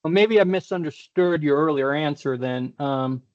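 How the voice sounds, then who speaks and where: A man speaks over a video call, carefully questioning a witness in a formal hearing. He pauses often, and his voice sits a little high. The call audio is dull and lo-fi. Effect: heard over a video call. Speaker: technical examiner at a hearing.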